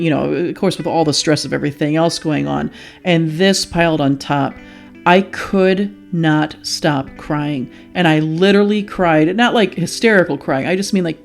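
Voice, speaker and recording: A woman's voice: low voice, creaky, darkish tone. A woman earnestly and emotionally telling a personal story in a reflective commentary. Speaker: YouTuber sharing personal experience. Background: faint guitar music.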